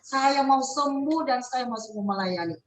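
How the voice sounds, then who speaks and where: An older woman telling a personal faith testimony in an animated way, acting out what others said to her. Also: high-pitched, normal speed, crowd noise. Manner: animated storytelling, acting out the nurse's and doctor's words. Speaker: prayer group member giving a testimony. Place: online prayer group call. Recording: echoey, distant from the mic, faint noise.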